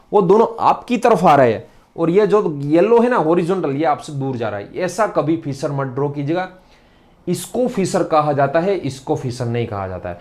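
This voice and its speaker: A man's voice: a little high, a little mellow. A man with a Gujarati accent teaching a recorded chemistry lecture, repeating points over and over and teasing his students now and then. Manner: repetitive, drilling, teasing asides to students.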